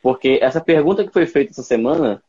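Man co-host, earnest and steady, muffled lo-fi sound. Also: mid-range voice, fast talker, husky, no room sound. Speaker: co-host, channel administrator. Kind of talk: live chat on a stream.

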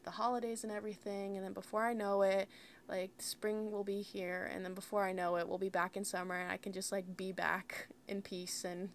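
An American woman of around twenty hosts her own podcast, talking on her own in a candid, rambling, casual way and saying "like" constantly. Her voice sits at a medium pitch with a creaky quality, and there's a little background noise.

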